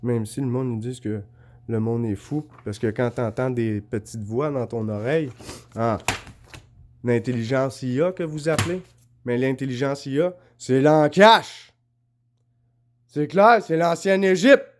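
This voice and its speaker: A man's voice: mid-range voice, normal speed, darkish tone. Rambling Québécois man, insistent. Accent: Québécois French. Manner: rambling, insistent, keeps asking "comprends-tu"; shows notes and drawings while talking. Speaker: vlogger. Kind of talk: casual monologue to camera.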